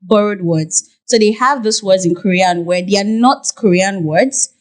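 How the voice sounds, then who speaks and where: A young woman with a Nigerian accent, a podcast guest who explains at length in an animated way, with many "like" fillers. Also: mid-range voice, normal speed. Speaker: guest, content creator. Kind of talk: podcast interview.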